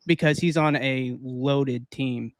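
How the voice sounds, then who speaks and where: Smooth-voiced man co-hosting a sports podcast. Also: mid-range voice, fairly even intonation, slow pace, no room sound, studio quality. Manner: conversational, frequent "uh" and "I mean". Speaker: podcast co-host. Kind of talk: casual sports podcast chat.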